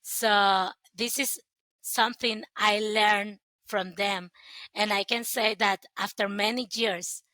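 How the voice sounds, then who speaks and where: A young woman, sharing her story as a guest in sincere, halting phrases. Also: medium pitch, pushed and bright, no echo, low-quality recording. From El Salvador. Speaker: guest, sponsorship coordinator. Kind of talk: earnest personal testimony.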